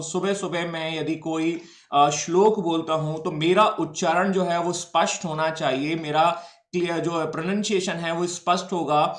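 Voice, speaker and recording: A man's voice: fairly high pitch, a bit bright, roomy sound. A male teacher gives an exam-prep history lecture, explaining step by step, mixing Hindi and English and checking that students follow.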